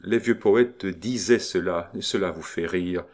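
A man narrating a literary audiobook in a measured, declamatory reading. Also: low voice.

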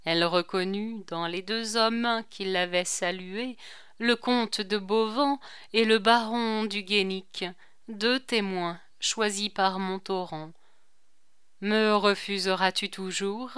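A woman narrates a classic novel in a slow, deliberate audiobook reading. Her voice is bright and very clear. The sound is dry and close. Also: mid-range voice, steady tone, dry recording.

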